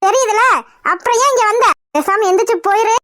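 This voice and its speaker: A woman's voice: extremely high pitch, fairly quick, fairly bright tone, no room sound, studio quality. A woman voicing a hurt, stubborn young pregnant wife in a cartoon, sulky and defiant. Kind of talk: cartoon voice acting.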